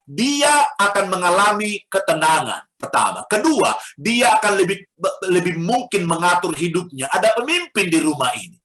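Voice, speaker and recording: Animated preaching man in echoey hall. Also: high-pitched. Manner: animated preaching with rhetorical questions and humor. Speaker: pastor. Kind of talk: sermon to a congregation.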